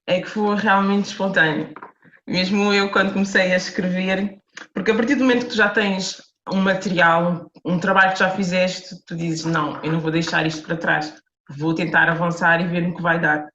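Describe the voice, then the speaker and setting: A woman's voice: lowish voice, fairly even intonation, normal speed, a bit bright, slight background noise. A woman with a Lisbon Portuguese accent talks earnestly and reflectively as a podcast interview guest. She often circles back and restarts her thoughts. Her voice sits in a roomy space and comes through a dull, lo-fi recording.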